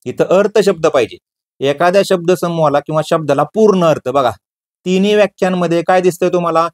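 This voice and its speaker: A man's voice: a little high, fairly quick. A man teaching an exam-prep grammar lesson, firing questions at his students and answering them himself, repeating key words.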